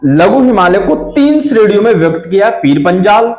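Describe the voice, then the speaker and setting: A male teacher talks through an exam-prep geography lesson, pointing at a map as he goes. His voice sits a little high and swings widely in pitch as he fires questions and answers them himself. The sound carries a noticeable room echo. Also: sing-song, moderate pace, a little mellow. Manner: keeps checking with listeners, asks and answers his own questions; points things out on a map while talking.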